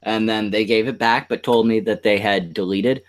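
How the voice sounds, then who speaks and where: A man's voice: on the low side, steady tone, moderate pace. A man hosting a stream, telling a long crude story in rambling casual chat. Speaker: stream host.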